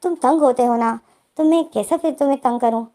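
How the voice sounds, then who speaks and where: Girl playing a guarded young guy, high soft voice, firm, keeps pushing him off. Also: brisk, close to an everyday voice. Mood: cold, firm. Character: young man, guarded and withdrawn lover.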